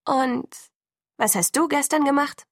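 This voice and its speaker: A woman's voice: mid-range voice, gravelly, breathy edge, no room sound, studio quality. A woman voicing a chatty teenage girl who gushes about her evening and sulks when ignored, reading an audiobook. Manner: gushing, quick to sulk. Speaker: audiobook reader.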